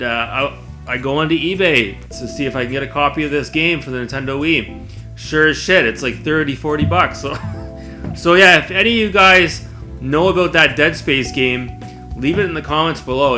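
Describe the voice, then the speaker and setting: Bright-voiced man chatting to camera. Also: mid-range voice. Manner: conversational, rambling. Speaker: video blogger. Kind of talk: casual spoken vlog to camera.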